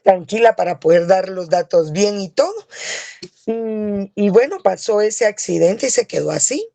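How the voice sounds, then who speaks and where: Earnest woman, warm voice. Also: mid-range voice, animated, normal speed, creaky, no room sound. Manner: earnest storytelling, often checking in with "right?". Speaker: church member giving a testimony. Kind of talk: spoken testimony. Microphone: video call.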